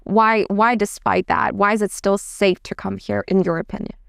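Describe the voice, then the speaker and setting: Creaky-voiced woman interviewer. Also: medium pitch, steady tone, moderate pace, fairly bright tone, no room sound, studio quality. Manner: hesitant, with fillers before her questions. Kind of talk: casual interview questions.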